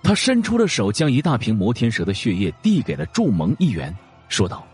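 A man narrating a fantasy audio drama in a dramatic, expressive way. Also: mid-range voice, fairly quick, husky, faint music behind.

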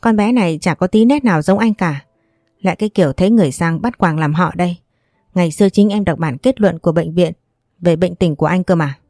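A woman's voice: lowish voice, a little fast, dark tone, no echo, clean studio sound, soft background music. A woman voicing a suspicious, middle-aged younger brother who talks bluntly and accusingly. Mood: indignant.

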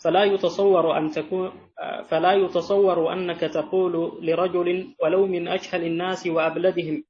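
Male reader, fairly high voice, even and deferential recitation, slightly muffled. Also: a little fast. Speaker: student reading the text aloud. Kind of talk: reading a classical text aloud. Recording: dull sound with faint hiss.

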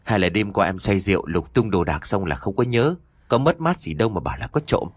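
A man's voice: on the low side, expressive, brisk, no room sound. A man voicing a hungover young husband who talks in a groggy, irritable way in a told ghost story.

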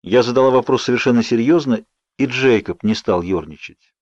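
Male narrator, even scripted reading, mid pitch, lo-fi dry sound. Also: a little fast, dry recording. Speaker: audiobook narrator. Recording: dull lo-fi audio.

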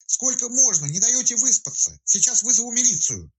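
A grumbling village woman dragged out of bed in the middle of the night, as a male storyteller puts her on, sleepy and cross but eager to talk. Her voice sits well above his own, lively in its rise and fall, with a husky edge. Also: low-pitched, a little fast, pitched above the performer's own voice, heavily acted. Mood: irritated. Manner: grumbling, then frightened and chatty.

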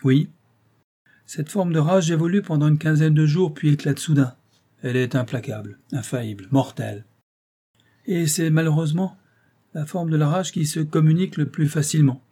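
A man reading an audiobook, voicing a polite, cunning gentleman detective who speaks courteously and with insinuation. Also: fairly high pitch, normal speed, pitched above the performer's own voice, natural voice.

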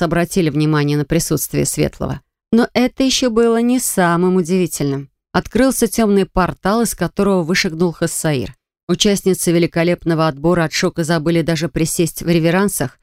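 A woman narrating a fantasy audiobook in the first person, with lively, expressive storytelling. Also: fairly low pitch, fairly quick, smooth, no echo, studio quality.

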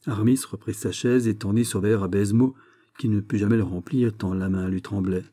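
A man reading a classic novel aloud in a measured, steady storytelling manner. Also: lowish voice. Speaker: audiobook reader. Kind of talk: literary audiobook narration.

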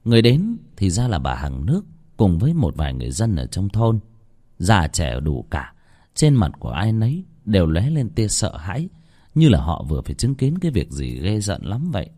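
A man narrating a horror story with dramatic, expressive delivery. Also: low-pitched, moderate pace.

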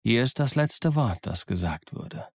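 A man voicing a cunning, genial yet menacing old male pirate in an audiobook, with a gruff, folksy, wheedling way of talking. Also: medium pitch, expressive, unhurried, no room sound. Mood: gruff, sly. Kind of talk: audiobook character voice. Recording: dry close studio sound.

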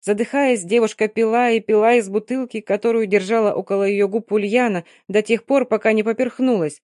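An audiobook narrator reading prose in a measured, expressive way. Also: mid-range voice, dry recording, studio quality. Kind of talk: scripted narration.

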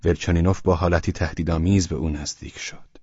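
Husky low-voiced male narrator. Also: fairly even intonation, mellow, no room sound, muffled recording. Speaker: audiobook narrator. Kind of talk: scripted narration.

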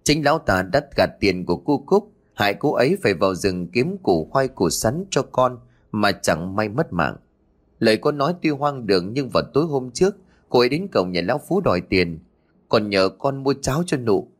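A man's voice: medium pitch, sing-song, normal speed. A man voicing an earnest young village man who gives urgent, pleading testimony through tears.

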